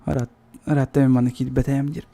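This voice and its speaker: A man of middling pitch gives casual gaming commentary and chats with viewers. He is blunt, grumbly and quick to swear, with faint music behind him. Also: flat delivery, creaky, warm tone. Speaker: game streamer.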